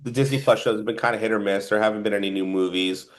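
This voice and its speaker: A man with a New Jersey accent talks through a film review on a podcast, his voice sitting a bit low. He rambles, circling back and restarting his thoughts in a loose, casual chat. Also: steady tone, fast talker. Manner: rambling, stop-and-start delivery. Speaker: podcast co-host.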